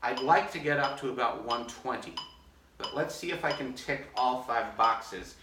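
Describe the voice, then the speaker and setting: A man, an orchestra concertmaster, calmly and methodically explaining his practice routine in a casual demonstration. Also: mid-range voice, normal speed, background noise. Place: practice room, filmed on a phone. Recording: echoey room, mic at a distance.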